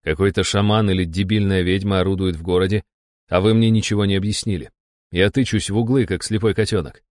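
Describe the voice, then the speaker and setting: A man's voice: deep voice, fairly even intonation, fast talker, a little mellow, dry recording, clean studio sound, close to an everyday voice. A man voicing a blunt, frustrated young male inquisitor in an audiobook. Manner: blunt, frustrated, plain-spoken. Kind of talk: audiobook dialogue.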